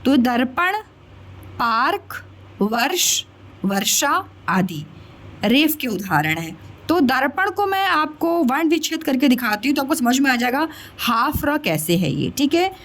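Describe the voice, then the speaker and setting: A woman's voice: sits high, big pitch swings, a little slow, a bit bright. A woman teacher patiently explaining a grammar lesson to children step by step, often checking that they understand. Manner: addresses listeners as children.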